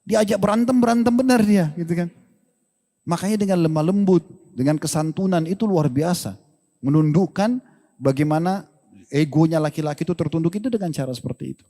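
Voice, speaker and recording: A male Islamic preacher giving a casual lecture, lively and joking, with colloquial slang and rhetorical questions. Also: on the high side, brisk, in a large hall.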